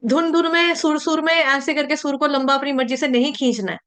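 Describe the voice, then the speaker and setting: An Indian woman teaching chant recitation, drilling words slowly and repeating each syllable, then explaining the rules briskly. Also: sits high, fairly even intonation, a bit bright. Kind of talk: slow syllable-by-syllable recitation lesson.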